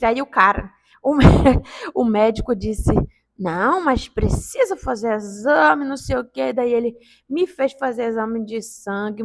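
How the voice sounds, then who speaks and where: A woman in her fifties talks straight to her viewers in an excitable, storytelling rush. Her voice sits high, and she punctuates the tale with sharp little exclamations. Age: 50s. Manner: animated and excitable, with sound-effect interjections. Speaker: vlogger telling a paranormal story. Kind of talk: casual storytelling to camera.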